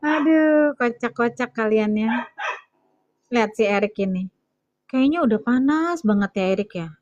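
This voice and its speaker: A woman's voice: on the high side, expressive, normal speed, darkish tone, highs cut off, slight background noise. A woman hosting a casual livestream debate, teasing and challenging her callers, laughing at them. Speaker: livestream host.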